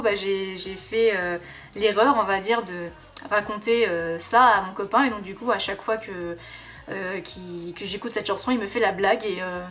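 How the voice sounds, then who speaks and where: A woman's voice: fairly high pitch, fairly bright tone. Chatty, giggly young woman vlogger. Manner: chatty, giggly, many fillers and restarts. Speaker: YouTuber doing a music tag. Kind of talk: casual vlog chat.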